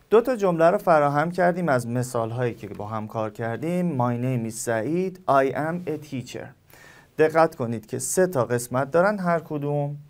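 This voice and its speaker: Speaking at medium pitch, a Persian-accented man whose first language is Persian walks students through a recorded English lesson. He takes it slowly and keeps returning to examples.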